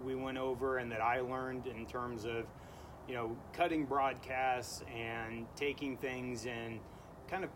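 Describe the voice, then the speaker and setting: Talkative male podcast host, noisy backyard recording. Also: medium pitch. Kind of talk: casual podcast chat. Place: outdoors in a backyard at night. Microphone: studio microphone on a stand.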